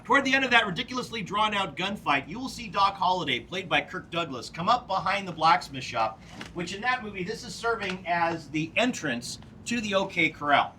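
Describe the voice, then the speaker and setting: A man working as a tour guide and historian, telling animated stories with playful asides outdoors on a film set. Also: sits high, a little fast, far from the mic, a little hiss or hum, low-quality recording. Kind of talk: guided tour talk to a small group.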